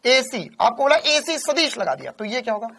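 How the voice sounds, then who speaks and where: A male physics teacher with a Hindi accent talks through an online exam-prep lecture. His voice is hoarse and worn from shouting. He stays animated and teasing, scolding students in a playful way. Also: very high-pitched, brisk.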